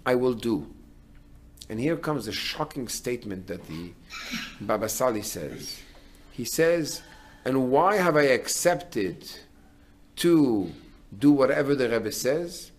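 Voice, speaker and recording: A middle-aged man, a rabbi, giving a sermon in an earnest way, building to emphatic declarations. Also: mid-range voice.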